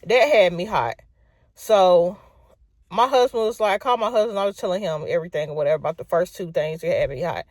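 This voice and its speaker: A woman telling a casual storytime and venting in an animated, exclaiming way. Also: fairly low pitch, fairly quick, no room sound.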